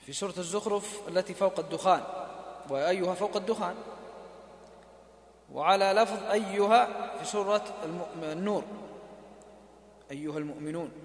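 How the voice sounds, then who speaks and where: Guy teaching recitation, pretty high voice, chants the examples, lots of hall echo. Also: fairly quick, long pauses. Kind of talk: lecture explaining recitation rules. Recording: echoey hall reverb.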